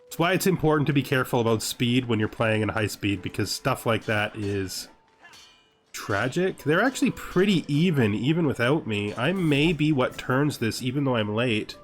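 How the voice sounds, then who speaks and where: A gaming host plays a strategy game and thinks aloud, his mid-range voice lively in intonation and normal in speed. He deliberates, repeats himself, and keeps checking with a questioning tag, with music in the background.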